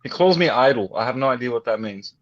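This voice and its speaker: A man's voice: medium pitch, animated, fast talker, dry recording. A man who is a YouTuber chatting casually on a live stream, joking and laughing as he eats. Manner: joking, laughs often, talks while eating. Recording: slightly dull call audio, faint noise.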